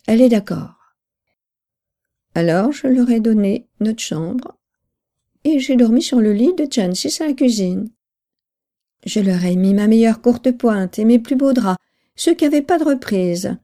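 A woman's voice: mid-range voice, warm tone, close to an everyday voice. A woman voicing a chatty, gossipy old country mother in a storybook, rambling in homely talk.

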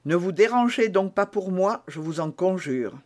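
A man reading an audiobook voices a stern, devout soldier guard who speaks gravely and solemnly. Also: sits high, animated, moderate pace, darkish tone. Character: stern, pious young male soldier guard.

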